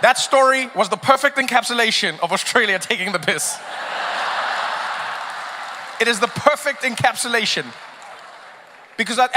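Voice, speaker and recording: A man performing a stand-up comedy set on stage, telling stories animatedly and shifting between loud bursts and quiet asides. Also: high-pitched, in a large hall, a little hiss or hum.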